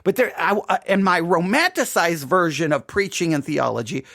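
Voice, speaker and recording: A man's voice: high-pitched, expressive, moderate pace, creaky, a bit bright, no room sound, clean studio sound. A middle-aged man, a pastor with a West Texas twang, giving a seated teaching talk with emphatic repetition and rhetorical questions. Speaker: pastor speaking at a conference.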